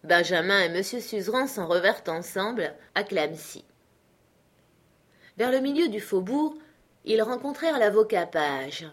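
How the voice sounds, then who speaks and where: Female narrator for a classic novel, lively, lifts her voice for the dialogue. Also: normal speed. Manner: lively, voices dialogue with raised pitch and volume. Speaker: audiobook reader. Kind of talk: scripted narration.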